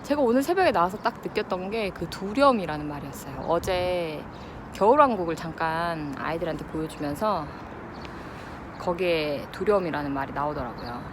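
A woman's voice: lowish voice, expressive, normal speed. Woman vlogging while running outdoors, noisy background. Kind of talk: casual reflective vlog talk to camera. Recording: noisy outdoor ambience with wind or traffic.

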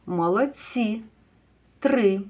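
A kindergarten teacher leads a phonics lesson for young children, sounding out words slowly and asking questions. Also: female voice, medium pitch, animated, darkish tone. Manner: slow, drawn-out word sounding with praise and questions.

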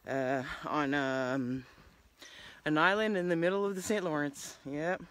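A woman's voice: low-pitched, measured pace, fairly bright tone, no echo. A middle-aged woman chatting casually on a nature trail, rambling with lots of fillers, recorded on a phone held at arm's length outdoors. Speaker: hiking vlogger. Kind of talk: casual chat.

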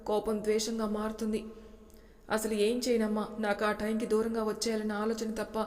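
A woman's voice: medium pitch, completely flat delivery, brisk, a little mellow, lightly acted. Give me a woman playing a hurt young wife in a story, pleading and emotional, with a long echo behind her. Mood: sad.

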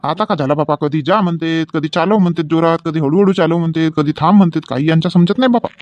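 A man, acting in a rustic comedy sketch and shouting quick repeated orders. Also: a little high, no echo. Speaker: comic actor in a village sketch. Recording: dull lo-fi recording.

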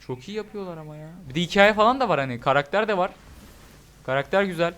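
A young man giving excitable, joking let's-play commentary, shouting at the game. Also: sits high, fast talker. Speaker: gaming YouTuber.

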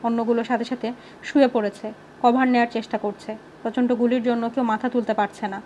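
A woman's voice: fairly high pitch, flat delivery, fairly quick, a little mellow, slight background noise. Woman reading a war story aloud. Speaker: audiobook reader. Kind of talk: storybook narration with voiced dialogue.

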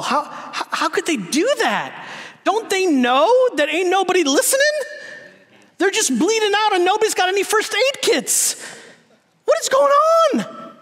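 Male preacher, thirties, very high voice, dramatic swings from loud to hushed, long hall reverb. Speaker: guest preacher. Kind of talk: sermon. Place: large dark church stage.

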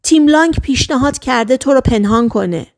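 A woman's voice: high-pitched, lively intonation. Woman reading as an insistent, eager male friend.

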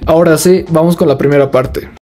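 A man's voice: a little high, fairly even intonation, quick pace, dark tone, faint music behind. A man presenting a language lesson in scripted instructional narration.

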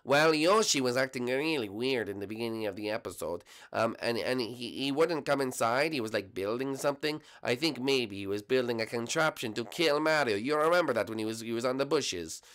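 A nervous younger brother, as a man voices him who stumbles and restarts his words. He sounds unsure of himself. The lively pitch suits a homemade puppet comedy. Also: a little fast, hardly any pauses, natural voice. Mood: hesitant. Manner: hesitant, stammering.

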